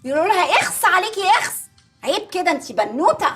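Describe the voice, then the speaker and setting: An actress playing an outspoken, indignant young wife and journalist who rants animatedly in a comic TV series. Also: female voice, very high-pitched, fast, faint music behind. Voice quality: animated, ranting, mock-dramatic.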